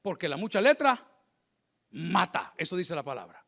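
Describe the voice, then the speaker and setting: Animated preacher, high lively voice. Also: male voice, moderate pace, creaky. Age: middle-aged. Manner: animated, joking preacher who acts out quoted voices. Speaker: pastor. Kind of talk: sermon.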